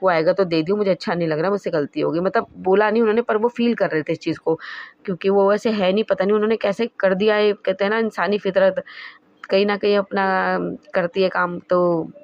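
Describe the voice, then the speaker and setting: A woman's voice: medium pitch, fairly even intonation, brisk, no echo, muffled recording. A woman sharing a devotional testimony in an earnest, emotional way, rambling and restarting, recorded as a phone voice note.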